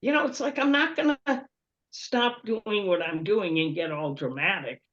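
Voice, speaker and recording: A woman's voice: mid-range voice, normal speed, a bit bright, lo-fi sound. A woman telling a story in a casual group chat, laughing often and acting out what people said. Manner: chatty storyteller, laughs often, acts out quotes. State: prone to coughing. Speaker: group member.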